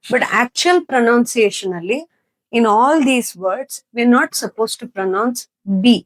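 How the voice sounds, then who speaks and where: A young woman teaching spoken English with a Kannada-accented Indian English, explaining slowly and repeating word lists for practice. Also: on the high side, dry recording, rough recording. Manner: slow, deliberate explaining, repeating words for practice.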